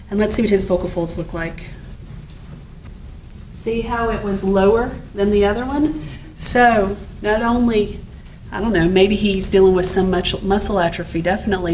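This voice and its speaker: A woman's voice: mid-range voice, a little hiss or hum, poor audio. A woman lecturer talking through cases and asking her audience questions. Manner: chatty, asks the audience questions. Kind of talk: recorded lecture.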